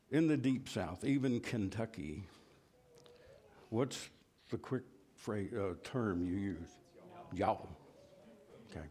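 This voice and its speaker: A man's voice: fairly low pitch, mellow. A man from West Virginia teaching a church Bible class in a folksy, self-deprecating way, asking the class questions.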